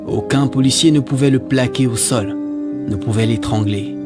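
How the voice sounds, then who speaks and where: A man's voice: mid-range voice, fairly even intonation, moderate pace. A man reading a scripted monologue in a solemn, exhorting manner with rhetorical repetition. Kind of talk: scripted spoken-word monologue. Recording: music behind the voice.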